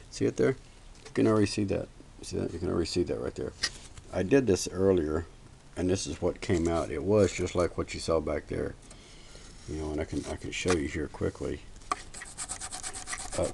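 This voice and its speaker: An older man with a low, dark voice gives a casual, unscripted hobby how-to at a cluttered indoor home workbench, speaking in a folksy, plain-spoken, instructional way. It's captured on a handheld camera's built-in microphone, so the amateur audio is noisy with handling clicks.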